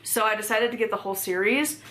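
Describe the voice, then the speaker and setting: A young book vlogger chats casually at home about her library books, her mid-range voice quick and fairly bright. She rambles, fills her talk with "like" and self-corrections, laughs easily, and speaks to her cat between books.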